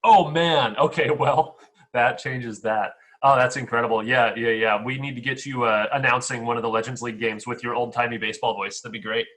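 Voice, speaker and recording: A man's voice: mid-range voice, steady tone, a little fast, a bit bright. A man co-hosting a podcast, reacting enthusiastically in casual chat. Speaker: podcast co-host.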